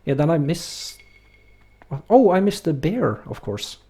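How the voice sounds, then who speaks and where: This Norwegian man's voice sits on the high side, gravelly and slightly rough, and he speaks a little slowly. Streaming a game, he chats casually with viewers in a relaxed, hesitant way, full of fillers, reading messages from chat aloud.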